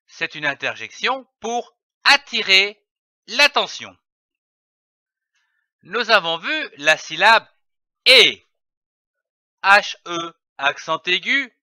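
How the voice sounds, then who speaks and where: Man teaching reading, high and lively voice, spells syllables deliberately. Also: dry recording, studio quality. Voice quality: clear, emphatic syllable-by-syllable delivery. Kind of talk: slow, deliberate reading lesson.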